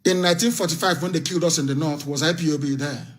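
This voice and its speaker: A man's voice: a little high, fairly even intonation, racing. A man giving a fiery, scornful political broadcast, full of repetition. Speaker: political activist leader.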